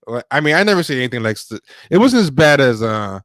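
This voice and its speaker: This podcast host runs a casual livestream where he reviews films with strong opinions, rambling through many fillers and restarts while reading out viewer donations. His mid-range, slightly bright voice is sing-song and fast, with no echo.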